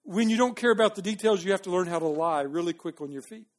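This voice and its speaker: A male pastor preaching a sermon, acting out voices from the text and swinging between loud and soft. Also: high voice, animated, fast talker.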